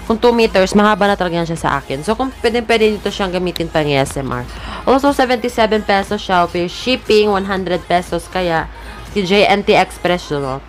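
A woman's voice: mid-range voice, lively intonation, normal speed, faint music behind. A young woman with a Filipino accent chatting casually through a product review vlog, often checking in with her viewers. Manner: chatty, keeps tagging "guys, no?". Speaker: vlogger reviewing a lapel mic. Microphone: switches between a lapel mic and the phone's own mic.

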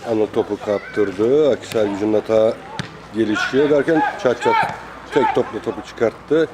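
A man's voice: fairly low pitch, moderate pace. Male football commentator with crowd behind. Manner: clipped phrases, calling out player names. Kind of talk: live football play-by-play commentary. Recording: crowd noise, outdoor amateur match. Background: outdoor crowd.

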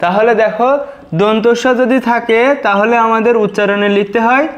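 A man's voice: sits high, level tone, normal speed, fairly bright tone. A man teaching a lesson, patiently repeating words and breaking them into syllables. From Bangladesh. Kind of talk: spoken exam-prep lesson.

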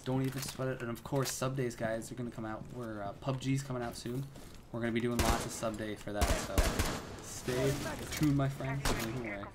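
A young male streamer chats casually and keeps his voice low so he doesn't wake anyone, greeting viewers as bro and my man. His pitch sits mid-range, and gunfire from the game comes through clearly behind him. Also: fairly even intonation, a little fast, very noisy. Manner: keeping his voice down so his wife can sleep. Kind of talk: live gameplay stream chat. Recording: game gunfire audible in background.

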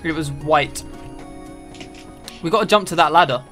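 A man giving excitable, joking gameplay commentary with friends, impatient and quick to swear. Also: fairly high pitch, soft background music. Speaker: let's play host.

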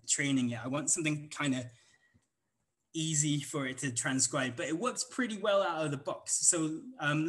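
A man's voice: mid-range voice, a bit bright, rough recording. A man with a Welsh accent giving a casual live coding walkthrough at a conference, rambling with many ums and restarts. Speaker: conference instructor.

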